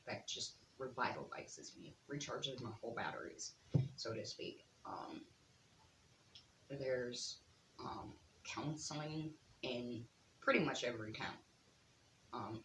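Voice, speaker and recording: A speaker in their late thirties talks quietly and earnestly to the camera, taking it very slowly and filling pauses with ums. The recording has a roomy echo and a faint hiss underneath. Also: medium pitch. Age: 30s. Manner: soft-spoken, slow, with frequent ums. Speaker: vlogger. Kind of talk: earnest direct-to-camera advice talk.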